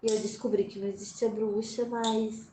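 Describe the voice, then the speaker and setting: A woman telling a true story from her own childhood in an animated, dramatic way, acting out her own past reactions. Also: mid-range voice, moderate pace. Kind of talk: animated first-person storytelling. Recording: roomy with faint background noise.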